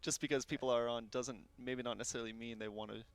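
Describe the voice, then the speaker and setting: A man's voice: mid-range voice, steady tone, fast, smooth, dry recording. A man guesting on a livestream as a raid leader, talking in a laid-back way with frequent laughs and fillers. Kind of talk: casual livestream chat.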